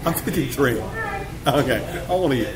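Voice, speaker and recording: A man in his fifties hosting a casual chat, animated and joking as he rambles from one story to the next. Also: mid-range voice, moderate pace. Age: 50s. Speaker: host. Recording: loud crowd chatter behind.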